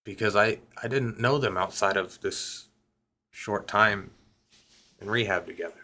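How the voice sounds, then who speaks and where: A man's voice: fairly low pitch, a little slow, sharp tone. A young man, a rapper and vlogger, telling a personal story in a casual, profane, rambling way that keeps cutting itself off. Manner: profane, rambling, self-interrupting.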